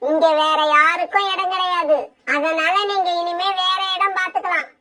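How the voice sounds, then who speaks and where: A scheming, vain female sparrow from a cartoon, voiced by a woman, cold and bossy in every word. Her voice sits very high and sounds bright and sharp. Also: steady tone, moderate pace. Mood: haughty. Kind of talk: cartoon voice acting.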